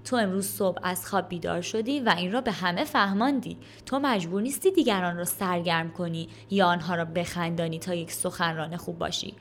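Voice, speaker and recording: A woman reading a gentle encouraging headmaster. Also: lowish voice, a little hiss or hum, natural voice. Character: kind patient elderly male school headmaster.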